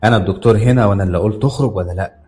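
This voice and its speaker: A secretive, kindly doctor with an Egyptian accent, as a male narrator plays him speaks low and firm with quiet urgency. His voice is dark and mellow, and the pace stays quick, as in an audio horror story. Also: fairly even intonation, soft background music, lightly acted. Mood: urgent firm.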